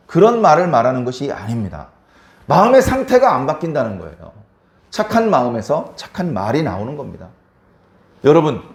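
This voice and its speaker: A man's voice: sits high, a little mellow, reverberant. A male pastor preaching a sermon, repeating key words for emphasis and putting questions to the congregation.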